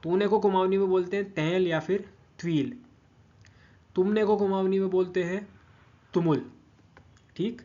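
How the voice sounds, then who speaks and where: A man's voice: high-pitched, moderate pace, long pauses, mellow, highs cut off. A man giving a patient grammar lesson, repeating each word form and checking in with listeners often. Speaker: language teacher.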